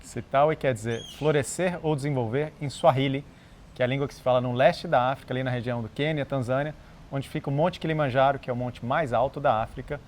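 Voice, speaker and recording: A man born in Chile, an interview guest and nonprofit founder, telling his story in a measured, explanatory way with some hesitations. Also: medium pitch, steady tone, slight background noise. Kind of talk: relaxed conversational storytelling.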